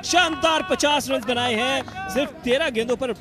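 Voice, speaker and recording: A man giving excited, exclamatory live cricket commentary. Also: extremely high pitch, moderate pace, soft background music.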